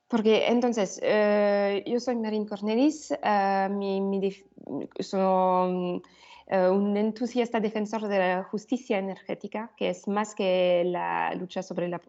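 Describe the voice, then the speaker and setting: A woman presenting slides in halting non-native Spanish with an Italian-influenced accent, often searching for words, over dull online-call audio. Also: medium pitch, vocal fry, a little mellow. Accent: foreign, Italian-influenced. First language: not Spanish. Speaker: panelist, energy justice advocate.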